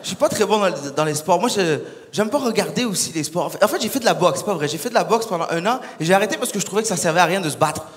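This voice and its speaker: Humoriste au débit rapide. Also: male voice, high-pitched. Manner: animated, acts out voices and characters. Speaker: stand-up comedian. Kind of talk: stand-up comedy set. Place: large concert hall on stage. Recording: live hall with long reverb.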